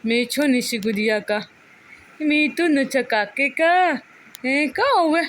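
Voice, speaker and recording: A young woman speaks to her baby in sing-song baby talk. Her voice sits high and coos over and over in little repeated sounds. It is a tender home-vlog voice. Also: expressive, unhurried, a bit bright. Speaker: mother talking to her baby.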